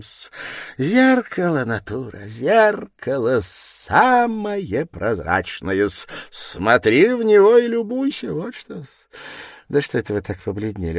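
A man's voice: on the high side, no echo, clean studio sound, pitched above the performer's own voice. A man voicing a sly, fussing middle-aged investigator in an audiobook, cooing and mocking. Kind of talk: audiobook character reading.

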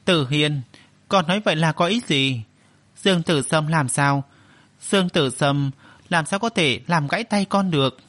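A man's voice: fairly high pitch, normal speed, fairly bright tone, no room sound, natural voice. A man voicing an anxious, doting middle-aged mother in an audio story, in a pleading tone. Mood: distraught.

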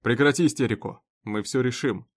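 A man's voice: mid-range voice, fairly quick, natural voice. Storybook deputy, a man doing it: sensible, urgent, pleading. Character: level-headed male deputy.

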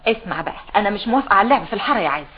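A woman's voice: mid-range voice, animated, very fast, breathy edge. An actress playing a doting, protective Egyptian mother in a TV drama. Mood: firm. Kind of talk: TV drama acting. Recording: dull lo-fi TV soundtrack.

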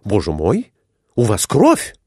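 A man voicing a fussy, solicitous gentleman who keeps questioning in a storybook reading. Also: lowish voice, wildly swooping pitch, takes it slowly, breathy edge, no echo, clean studio sound, full character voice. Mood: fussing. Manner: fussing, questioning.

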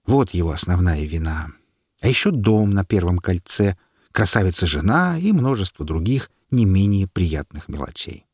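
A man narrating an audiobook in a lively, expressive way. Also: sits low, moderate pace, slightly rough, dry recording, clean studio sound. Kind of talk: scripted narration.

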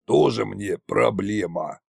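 A man voicing a gruff, lazy old undead king who drinks heavily, speaking in a drawling, slurred way. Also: lowish voice, slow pace, a little mellow, dry recording, clean studio sound, pitched below the performer's own voice, heavily acted. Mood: gruff, dismissive.

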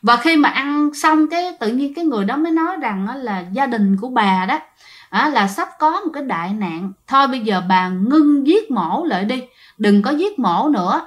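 A woman's voice: sits high, animated, moderate pace. Chatty woman storyteller. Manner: chatty, addresses listeners, many fillers. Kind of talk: told ghost story narration.

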